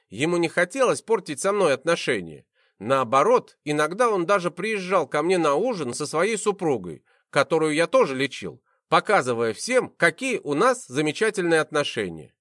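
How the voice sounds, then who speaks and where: A man reading a first-person audiobook in an expressive, animated way, into a close studio mic. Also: a little high, dry recording. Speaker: audiobook narrator.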